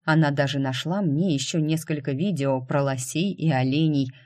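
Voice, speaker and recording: A man reading a first-person novel aloud as an audiobook narrator, in a calm, even way. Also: on the high side, normal speed, dry recording, studio quality.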